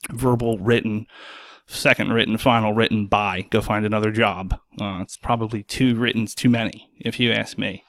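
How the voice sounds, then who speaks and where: A man's voice: lowish voice, steady tone, moderate pace, a bit bright, no echo. Blunt, sarcastic man with a dry voice. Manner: blunt, sarcastic, swears freely. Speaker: podcast host and EMS worker. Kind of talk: solo podcast commentary.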